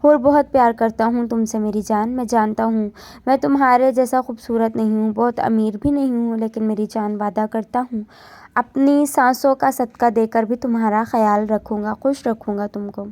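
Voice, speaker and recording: Woman voicing a young husband, earnest, pleading, fairly high voice, dry close sound, storytelling. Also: steady tone, moderate pace, mellow, dry recording, close to an everyday voice. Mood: tender. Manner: tender, pleading.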